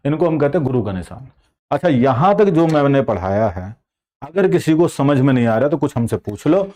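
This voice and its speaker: A male teacher leads an online exam-prep class. His voice sits a little high for a man. He explains patiently, throwing questions to his students and answering them himself. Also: darkish tone. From India. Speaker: Hindi teacher.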